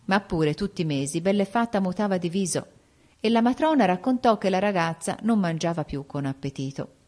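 Woman narrator, slightly low voice, folk tale audiobook. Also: lively intonation, a little fast, a little mellow. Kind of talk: reading a folk tale aloud.

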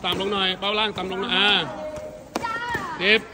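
A man coaching a taekwondo training session in a gym, calling out counts and quick drill commands. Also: high-pitched, flat delivery, noisy background.

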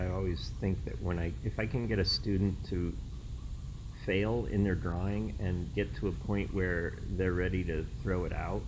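A man, a sculptor on an online panel, speaking thoughtfully with many halting restarts. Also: low voice. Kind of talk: panel discussion over video call. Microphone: video call. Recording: noisy video call audio.

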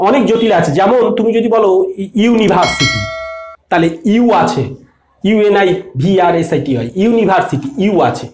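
A teacher explaining grammar rules for an exam, patiently asking questions and answering them. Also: mid-range voice. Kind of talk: exam-prep lesson. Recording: echoey room.

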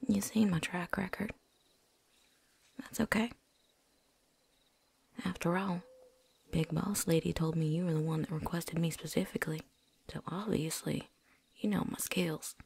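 A woman's voice: fairly low pitch, steady tone, measured pace, creaky, pauses often, a little mellow, husky, full character voice. A woman voicing a chatty, folksy veteran vampire hunter with a put-on drawl and casual slang, talking around something in her mouth, in a whispered role-play. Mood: chatty, wry.

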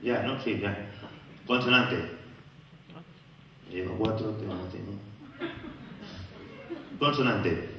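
A comedian doing a dopey game show contestant, drawling his answers low and mumbly. The voice sits deep and dazed. It comes from a distance through a boomy, reverberant hall full of audience and noise. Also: takes it slowly, long pauses, bright, forceful tone. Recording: echoey hall, far off, audience.

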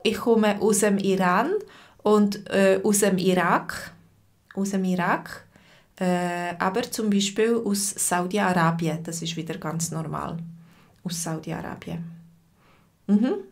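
A woman's voice: medium pitch, fairly even intonation, gravelly. A woman in her thirties with a Swiss German accent, giving a live-stream language lesson from home at her webcam and answering viewers by name. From Switzerland. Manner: slow, patient, repeats phrases and answers chat viewers by name. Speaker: language teacher.

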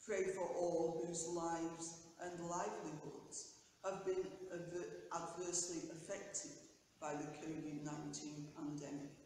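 An older woman priest gives a measured reflection and prayers, seated in a small church pew. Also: lowish voice, a little mellow, a little hiss or hum. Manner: measured, careful delivery. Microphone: camera at a distance. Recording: echoey church from far off.

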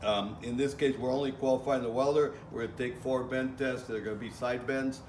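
Fairly quick and steady, with a darkish, medium-pitched voice, a middle-aged welding instructor lectures outdoors in a plain, casual manner, using many fillers and restarts. He's recorded from a distant camera, leaving the audio echoey with faint ambient noise.

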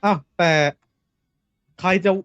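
A man's voice: takes it slowly, fairly bright tone, highs cut off. A man co-hosting a news talk show, giving his opinions plainly and easily in a casual discussion. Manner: easygoing, offers opinions plainly.

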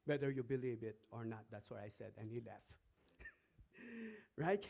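Over slight background noise, a man with a Filipino accent preaches at a quick pace in a low-leaning, gravelly, mellow voice with a steady tone. The pastor, from the Philippines, reads scripture aloud between remarks and puts emphatic questions to the congregation.

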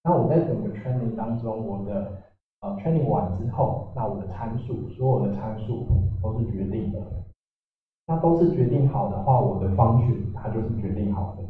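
Halting man lecturing in echoey room. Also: fairly low pitch, a little hiss or hum. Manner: halting, many fillers and restarts. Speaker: meetup speaker. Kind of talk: technical talk with slides. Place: meetup room. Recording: echoey room, far from mic, tinny.

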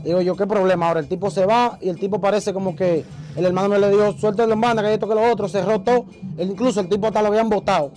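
A man, an interview guest telling a story in a casual, animated way and acting out the voices he quotes. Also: sits high, very fast, soft background music, poor audio.

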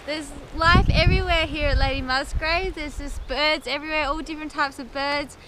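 A high-voiced woman in her thirties talks in a relaxed, joking way to a camera held at arm's length. She is outdoors on a beach. Wind and surf noise run clearly underneath. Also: moderate pace. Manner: relaxed, laughing, easygoing. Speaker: sailing vlogger. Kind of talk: casual chat to camera. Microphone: action camera held at arm's length.

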